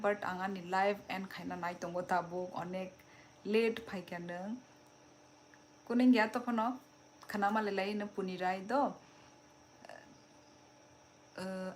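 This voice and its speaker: A woman's voice: medium pitch, slight background noise. A young woman hosting a casual live stream, chatting and laughing as she reads out and answers viewer comments. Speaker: livestream host.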